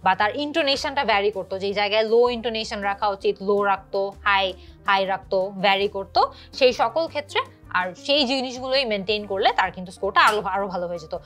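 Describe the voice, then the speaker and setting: A woman's voice: mid-range voice, fast, fairly bright tone, faint music behind. A young woman from Bangladesh teaching an exam prep lesson, explaining step by step and mixing English terms into her Bengali.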